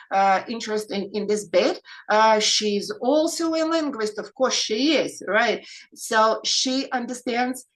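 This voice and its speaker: Female conference presenter, slightly high voice, academic lecture, questioning and hesitant delivery. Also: rough recording. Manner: poses rhetorical questions, frequent hesitations.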